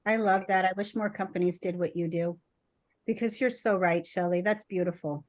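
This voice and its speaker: A woman's voice: lowish voice, fairly even intonation, normal speed. A woman hospice nurse talking in an earnest, empathetic way, as in a conversational panel discussion.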